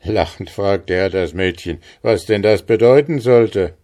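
A man reads a fairy tale aloud with a low voice and an unhurried pace. His delivery is calm and measured, a steady storyteller walking through the tale. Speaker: narrator.

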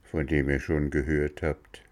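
A man reading a storybook aloud as narrator, in a measured, dramatic delivery. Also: rumbling low, flat delivery.

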